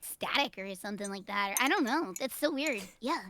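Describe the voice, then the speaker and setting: A woman joining a stream over a voice call, relaxed and rambling with many fillers. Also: on the high side, fairly quick, slight background noise. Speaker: guest co-streamer. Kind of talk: casual stream chat.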